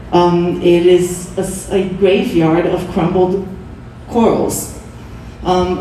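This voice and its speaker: A woman's voice: medium pitch, mellow, a little hiss or hum. A young adult woman from Brazil, a Portuguese speaker, earnestly explaining her art on a panel, with some restarts. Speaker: artist on a panel. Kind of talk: panel talk. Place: gallery event space. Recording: echoey room, distant mic.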